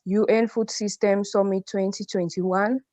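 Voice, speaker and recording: A woman's voice: mid-range voice, little pitch movement, unhurried, warm tone, dry recording. A young woman from Cameroon, an NGO program manager, giving a formal, prepared presentation on a video call. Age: young adult. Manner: formal, read-out delivery. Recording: dry lo-fi video call audio.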